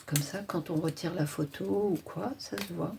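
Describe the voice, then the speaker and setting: A woman's voice: on the low side, normal speed, vocal fry, a little mellow, slight background noise. A woman hosting a casual crafting tutorial, chatting and thinking aloud as she works.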